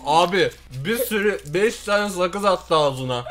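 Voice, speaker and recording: A young man hosting a gaming video, excitable and often laughing, urging others on while talking with a mouth full of gum. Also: high voice, slow, a crowd in the background. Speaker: gaming channel host. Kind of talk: casual chat.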